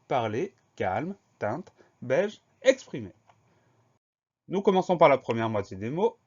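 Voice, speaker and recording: A man teaching a spelling lesson, spelling out words letter by letter in a clear, careful way. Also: medium pitch, lo-fi sound.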